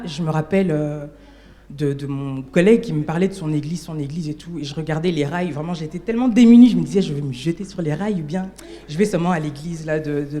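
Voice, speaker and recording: A woman telling her personal testimony to a church congregation, halting, often restarting and correcting herself. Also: deep voice, mellow. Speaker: church member giving a testimony. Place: church service hall.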